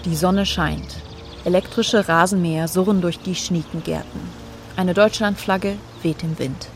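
A woman's voice: lowish voice, steady tone, a little slow, soft background music. Woman narrating a radio documentary. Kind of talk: scripted narration.

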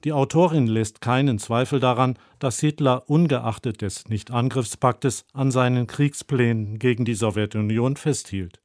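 A man reading a scripted radio book review in a sober, measured way. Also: mid-range voice, a little mellow, no room sound, clean studio sound. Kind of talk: scripted narration.

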